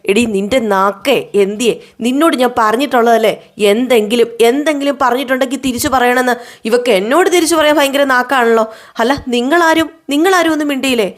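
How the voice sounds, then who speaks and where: A woman voicing a young husband who is protective and quick to anger, questioning in a demanding, indignant way. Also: a little high, lightly acted.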